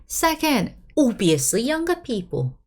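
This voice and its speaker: A woman teaching a video language lesson in a chatty, animated way, often checking in with her listeners. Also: on the high side, measured pace. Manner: animated, with swoops up for emphasis.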